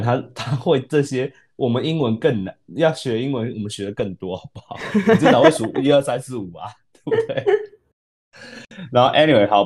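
Podcast co-host, Taiwanese man, Taiwanese Mandarin accent; low-ish, quick, rambling chatty delivery with English code-switching. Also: a little mellow. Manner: rambling, self-correcting, mixes in English words, laughs often. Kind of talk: casual storytelling chat.

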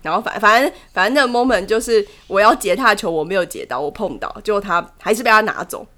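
A woman's voice: medium pitch, pushed and bright. A woman co-hosting a podcast, telling a story in casual chat and laughing often as she talks. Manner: tells a story quickly and vividly, often laughing. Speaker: podcast co-host.

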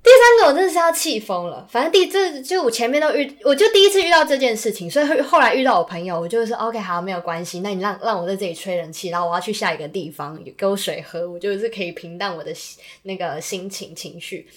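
Animated young woman telling a story. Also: fast, hardly any pauses. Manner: animated, acts out quoted people with a lowered soft voice; bursts into loud laughing exasperation. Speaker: podcast guest, actress. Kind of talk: casual storytelling chat.

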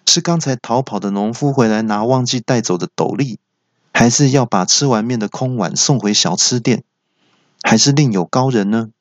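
A man hosting a comedy podcast, telling a comic story in an animated, playful way and stammering for effect. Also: medium pitch, moderate pace, no echo, highs cut off. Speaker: podcast host.

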